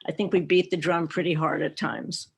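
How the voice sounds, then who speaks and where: A woman's voice: fairly low pitch, steady tone, moderate pace, vocal fry, slightly rough. A middle-aged woman shares her family's experience on a panel, speaking over a video call. She tells her story in a reflective way and laughs lightly at times. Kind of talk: personal talk at an online panel.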